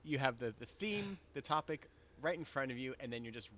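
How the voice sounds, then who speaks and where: A man's voice: medium pitch, lively intonation, a little fast, fairly bright tone. A man from the Los Angeles area co-hosting a casual podcast, telling stories in a rambling way and swearing casually. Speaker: podcast co-host.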